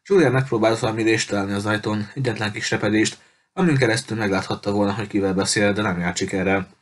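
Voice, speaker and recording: A man reading a novel chapter aloud in steady, measured narration, with the odd small stumble. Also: on the low side. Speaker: audiobook reader. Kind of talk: scripted narration.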